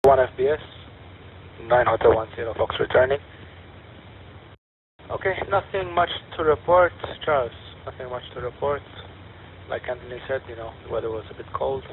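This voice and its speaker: A man's voice: medium pitch, moderate pace, long pauses. A man, an amateur radio operator giving brief, clipped call-sign check-ins over a radio transmission with static. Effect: radio transmission with room static. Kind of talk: casual radio net check-in. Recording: tinny radio link with clear static hiss.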